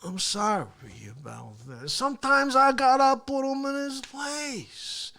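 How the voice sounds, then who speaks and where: A performer playing a brash, boastful male talk-show host who rambles through a comedy rant, swinging between loud yelling and hushed asides. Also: sits high, animated, unhurried, vocal fry, exaggerated voice. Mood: rambling, boastful. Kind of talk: comedic character monologue.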